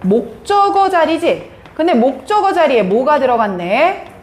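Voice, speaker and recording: A woman teaching a live English class, her high voice leaping around as she fires questions at the students and teases them. The sound is roomy and echoey, with a faint hiss underneath. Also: unhurried. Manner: lively, questioning students, teasing.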